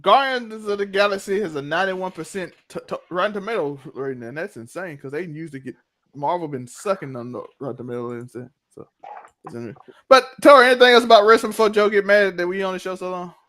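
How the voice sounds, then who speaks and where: A man's voice: sits high, fast talker, fairly bright tone. A man co-hosting a wrestling podcast, joking often and acting out what people said. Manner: laughing, jokey, mimics people. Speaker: podcast co-host. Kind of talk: casual wrestling chat.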